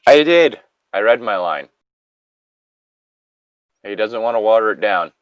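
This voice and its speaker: An unhurried host with a lowish voice reads an internet story aloud, breaking in with exasperated, animated commentary full of swearing. The audio is dull, with no echo.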